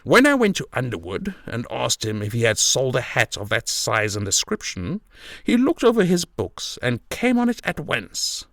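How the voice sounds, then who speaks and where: A man's voice: medium pitch, wildly swooping pitch, normal speed, vocal fry, fairly bright tone, no room sound, studio quality, pitched above the performer's own voice, full character voice. A man voicing a boastful, self-satisfied police detective in an audiobook, with a gleeful, bragging manner. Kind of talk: audiobook character voice.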